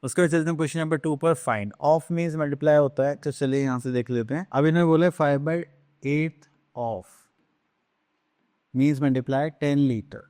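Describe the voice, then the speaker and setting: A man teaching a math lesson on fractions, asking questions and answering them himself, slipping into English terms and reading numbers out slowly. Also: fairly high pitch, a little mellow, no room sound, studio quality. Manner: drawn-out slow reading of numbers.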